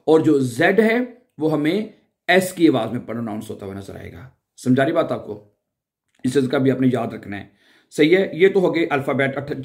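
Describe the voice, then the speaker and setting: A man teaching a beginner German lesson, patiently repeating sounds and often checking that the learners follow. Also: a little high.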